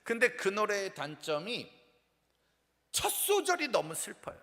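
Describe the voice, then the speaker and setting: Animated, high-voiced Korean pastor preaching playfully. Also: male voice, a little slow. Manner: playful, animated, acts out quoted complaints and sings snippets. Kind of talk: humorous revival sermon. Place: church sanctuary. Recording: long hall reverb.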